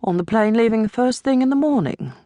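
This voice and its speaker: A woman's voice: a little high, animated, a little fast, dark tone, no room sound, lightly acted. A woman reading an audiobook, voicing a cold, brusque female ticket agent with a British accent and a clipped, dismissive manner. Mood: cold, curt. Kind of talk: audiobook character voice.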